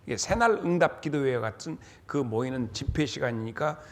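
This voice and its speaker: Gravelly, animated pastor. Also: male voice, moderate pace. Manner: dramatic storytelling, acting out the scripture characters; swings from loud outbursts to low asides. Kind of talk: sermon.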